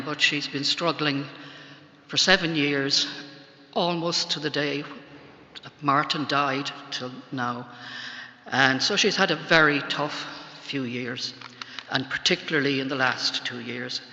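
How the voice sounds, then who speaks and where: An older Irish woman giving a funeral eulogy of thanks, tender and faltering, with halting pauses. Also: low-pitched, pushed and bright. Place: large church, speaking to a congregation. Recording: muffled, echoey church hall reverb.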